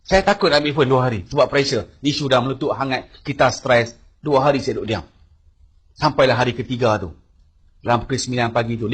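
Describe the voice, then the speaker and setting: Husky-voiced man recounting to an audience. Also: medium pitch. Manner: emphatic, addresses the audience directly. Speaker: speaker giving testimony.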